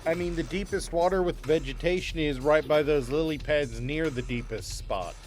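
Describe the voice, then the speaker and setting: A man's voice: fairly high pitch, normal speed, darkish tone, faint music behind. A man chatting casually on a gaming stream, thinking aloud and repeating his phrases.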